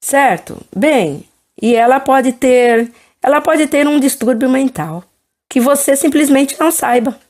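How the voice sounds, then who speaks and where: Middle-aged woman host, calm counseling talk, mellow and a bit high-pitched. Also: unhurried.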